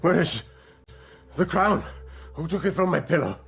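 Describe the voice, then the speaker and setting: A man's voice: on the high side, expressive, creaky. An actor playing a bitter, dying old king in a theatrical, declamatory Shakespearean radio drama style. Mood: anguished, suspicious. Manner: declamatory, theatrical, drawn-out, swelling from murmurs to shouts. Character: old dying king, ailing, bitter, grieving, raging at his son. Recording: studio radio drama with music behind.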